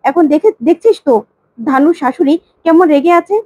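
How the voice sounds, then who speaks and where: A woman's voice: high-pitched, brisk, a little mellow, no room sound, natural voice. A woman voicing a worried mother who pleads with a guest and scolds her son, while retelling a serial plot. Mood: scolding.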